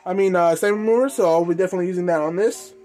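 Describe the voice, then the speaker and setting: Halting, slangy young American man vlogging. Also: sits high, a little mellow, soft background music. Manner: halting, slangy, informal delivery. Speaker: host of a clothing collecting channel. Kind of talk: casual unboxing vlog. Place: indoors in a room at home.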